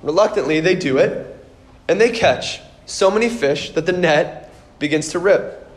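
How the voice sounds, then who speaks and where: A man preaching an Easter sermon as pastor, telling the story earnestly and slowing down and softening on the key words. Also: on the high side.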